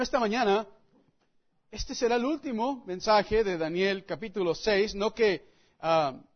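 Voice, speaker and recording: A man preaching a sermon, reading scripture and praying in a slow, deliberate way with emphatic pauses. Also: high-pitched, dull audio. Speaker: pastor.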